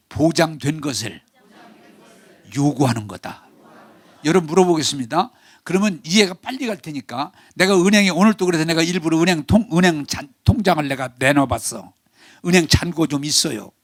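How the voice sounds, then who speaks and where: An older man preaching a sermon as pastor, animated, acting out pleading voices and having the congregation repeat after him. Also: a little high, no room sound, clean studio sound.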